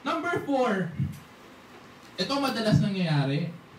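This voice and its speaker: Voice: medium pitch, very animated, slow pace. Preacher in an echoey church hall. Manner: conversational preaching, keeps asking "di ba?" and acting out prayers. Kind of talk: sermon. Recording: echoey hall, voice from far off, faint hiss.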